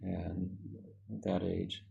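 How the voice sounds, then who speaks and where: A man's voice: low-pitched, completely flat delivery, slow pace, creaky, mellow, lo-fi sound, a little hiss or hum. A man casually narrating a hot-glue craft project, rambling and correcting himself as he works. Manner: rambling, self-correcting, chuckles at own jokes. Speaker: craft vlogger.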